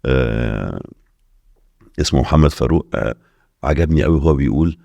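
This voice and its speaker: A middle-aged man from Alexandria with an Egyptian accent, a guest in a casual podcast interview, talking quickly and slipping English phrases into his speech. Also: rumbling low, vocal fry, dark tone, no room sound. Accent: Egyptian Arabic. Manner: rapid talk mixing in English phrases. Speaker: investor guest.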